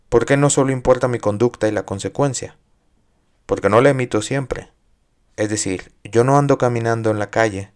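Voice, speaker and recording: A man hosting a psychology podcast, explaining ideas in a casual, conversational way and putting questions to his listeners. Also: lowish voice. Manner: conversational, asks listeners questions, uses everyday examples.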